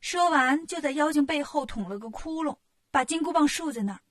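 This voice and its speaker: A woman reading a children's storybook aloud, narrating in a lively, expressive way. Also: high-pitched, a little fast.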